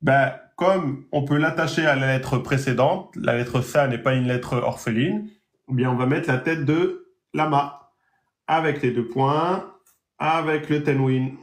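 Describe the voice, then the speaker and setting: A man teaching the Arabic alphabet in a live online lesson, drawing out each example word slowly. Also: mid-range voice, roomy sound. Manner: slow drawn-out pronunciation of example words.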